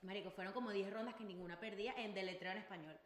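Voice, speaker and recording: A young Venezuelan woman co-hosting a podcast, telling animated, slangy stories in casual chat. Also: mid-range voice, racing, echoey room. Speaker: podcast co-host.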